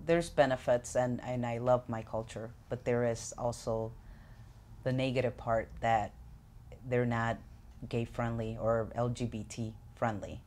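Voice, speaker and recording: A woman in her forties from Chicago, speaking casually in an interview, telling her family's story frankly with many pauses and fillers. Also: a bass voice, little pitch movement, darkish tone, a little hiss or hum. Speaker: interviewee, co-parent. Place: living room, sitting on a sofa.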